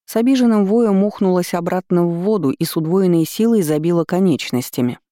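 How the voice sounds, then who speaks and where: A man narrating a fantasy novel in an even storytelling manner. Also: high voice, fairly quick, no echo, clean studio sound. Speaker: audiobook narrator.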